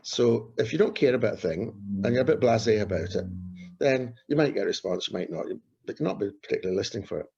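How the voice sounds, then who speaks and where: A street pastor tells earnest stories in an interview, repeating his key phrases. His lowish voice is expressive, fast, creaky, mellow and slightly rough, captured in a dull lo-fi recording.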